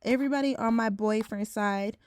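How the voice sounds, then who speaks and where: This roughly twenty-year-old vlogger speaks candidly with the odd curse word and a constant stream of "like." Her voice runs on the high side, a touch mellow, and she talks briskly.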